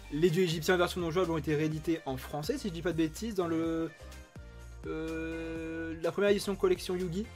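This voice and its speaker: A man chatting enthusiastically as he opens trading card packs, reading card names aloud. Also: fairly high pitch. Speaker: card-opening YouTuber. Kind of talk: casual unboxing commentary.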